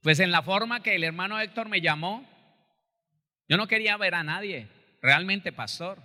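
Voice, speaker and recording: A preacher voicing an irate, self-righteous praying man who shouts back indignantly. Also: high-pitched, normal speed, long reverb tail, voice pushed up. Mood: sulky indignant.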